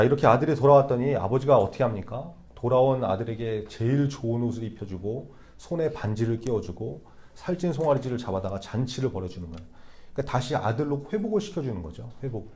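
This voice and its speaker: A man's voice: mid-range voice, expressive, fast talker, mellow. A young man preaching a sermon to a youth group in a conversational way, often checking in with the listeners through rhetorical questions. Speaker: youth pastor.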